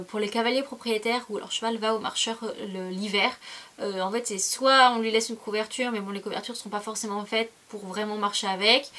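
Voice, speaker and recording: A woman's voice: medium pitch, a bit bright. A woman in her twenties from France, chatting casually through a vlog gift guide, with many hesitations and self-corrections. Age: 20s. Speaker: equestrian vlogger.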